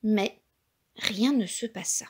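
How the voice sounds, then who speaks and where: A woman reading a children's picture book aloud in a gentle, unhurried way. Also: mid-range voice, slightly rough. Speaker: storyteller.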